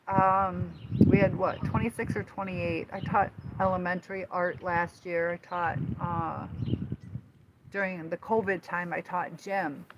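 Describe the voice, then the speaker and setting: A woman's voice: on the low side, level tone. Rambling woman in her fifties, noisy. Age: 50s. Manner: rambling, halting, lots of fillers. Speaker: livestream host and teacher. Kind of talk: casual live-stream chat answering viewers. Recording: noticeable background noise.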